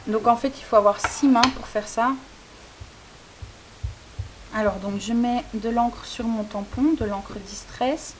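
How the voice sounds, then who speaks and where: A woman's voice: on the high side, a little slow, long pauses, low-quality recording. A woman hosting a crafting tutorial, explaining each step in a chatty way with frequent hesitations. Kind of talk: casual demonstration tutorial. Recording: faint hiss.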